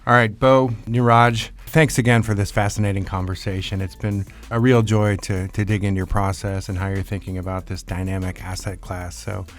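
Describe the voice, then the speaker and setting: Podcast host, man, slightly low voice, smooth friendly moderator, faint music under. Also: level tone, normal speed, few pauses. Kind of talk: podcast interview hosting.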